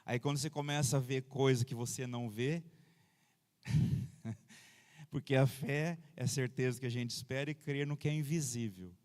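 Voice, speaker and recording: A man preaches to his congregation in a relaxed, storytelling way, dropping amens and hallelujahs between stories. His voice sits in a middle range for a man. The church hall adds a long, lingering reverb around every phrase. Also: medium pitch, normal speed, long pauses. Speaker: pastor. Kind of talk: sermon. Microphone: handheld microphone.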